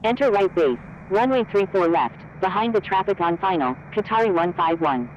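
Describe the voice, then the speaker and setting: A man's voice: high-pitched, animated, normal speed, a little hiss or hum. A man speaking as an airline pilot over a cockpit headset radio, reading back instructions in clipped aviation phraseology. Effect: pilot radio transmission from a cockpit headset. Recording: dull lo-fi radio transmission.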